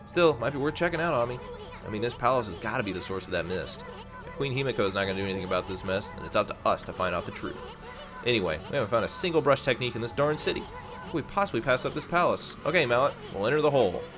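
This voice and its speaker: A man's voice: mid-range voice, expressive, rapid-fire, over music, natural voice. A man voicing a cheeky, brash tiny male wandering artist in a video game, with a teasing manner.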